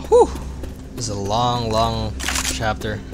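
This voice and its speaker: A man giving casual let's-play commentary, excitable and swearing, often breaking into shouts. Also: on the low side, slow, loud music behind the voice. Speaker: gaming video host. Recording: game audio noise underneath. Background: game sound effects and gunfire.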